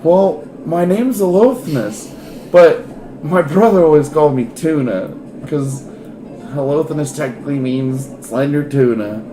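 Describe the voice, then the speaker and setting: A man voicing an excited young bard with an eager, raised voice. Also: a little slow, background noise, lightly acted. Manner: eager, higher and brighter. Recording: roomy echo with music behind.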